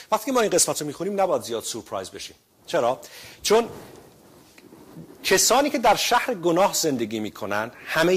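Guy preaching a sermon, earnest, keeps repeating phrases, slows right down on the prayer bits. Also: on the high side, breathy edge.

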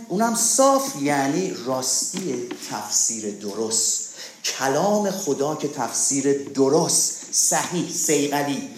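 A man's voice: fairly high pitch, echoey room, a little hiss or hum. A man preaching a sermon, asking rhetorical questions and calling for amens. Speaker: pastor.

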